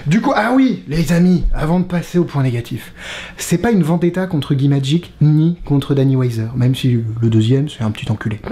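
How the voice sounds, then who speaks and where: A man's voice: a little high, animated, fairly quick, dark tone. A man reviewing a magic trick in casual spoken French, exasperated, swearing and laughing as he talks. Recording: roomy echo.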